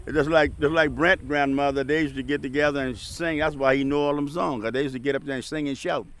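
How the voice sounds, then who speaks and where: A man's voice: fairly high pitch, steady tone, quick pace. Man chatting casually outdoors. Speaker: traditional singer. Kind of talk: casual chat. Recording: faint outdoor background noise.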